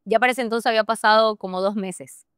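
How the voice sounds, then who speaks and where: A young Bolivian woman with a Santa Cruz accent, a podcast guest telling a personal story in an animated way and laughing often. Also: fairly high pitch, fast, smooth, no echo, clean studio sound. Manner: animated, laughs often, acts out her own past thoughts. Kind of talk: personal storytelling in a casual interview.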